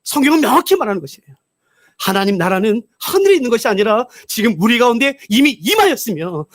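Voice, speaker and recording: A male pastor giving a broadcast revival sermon, telling a story in an animated way and acting out the voices of its characters. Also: extremely high pitch.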